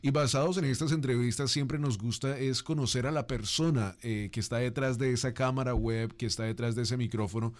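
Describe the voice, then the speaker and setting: A man's voice: mid-range voice, fairly even intonation, a little fast, few pauses. A man with a Bogotá Colombian accent, hosting an interview and asking long, hesitant questions.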